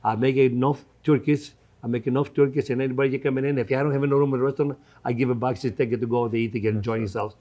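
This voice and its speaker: Racing along with few pauses, a man's dark, medium-pitched voice keeps a steady tone. He is a Greek restaurant owner in his seventies, a native Greek speaker being interviewed, talking conversationally with a Greek accent and non-native grammar while often repeating phrases.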